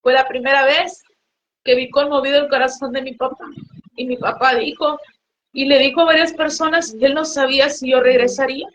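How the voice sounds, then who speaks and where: A woman's voice: high voice, steady tone, brisk, fairly bright tone. A woman with a northern Mexican accent giving an earnest, heartfelt church testimony and addressing listeners as brothers and sisters. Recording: muffled lo-fi recording with faint noise.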